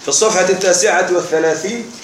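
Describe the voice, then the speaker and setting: A man teaches a grammar lesson in a classroom, with a fairly high voice. He keeps quizzing the room and answering his own questions. The recording sounds distant and very echoey, with faint noise underneath. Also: racing. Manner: asks the class questions and answers them himself.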